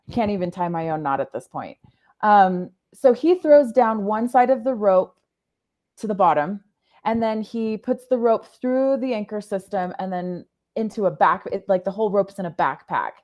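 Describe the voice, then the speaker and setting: A woman's voice: medium pitch, a little mellow. A woman, a podcast guest, telling a personal story in earnest, often stopping to find the right words. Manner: earnest, halting, often stops to rephrase.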